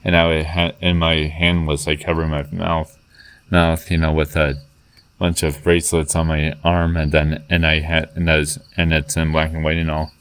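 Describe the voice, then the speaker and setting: A man telling a personal story in a halting way, with many fillers and restarts, reading out old chat messages. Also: a bass voice, monotone, fairly bright tone, smooth.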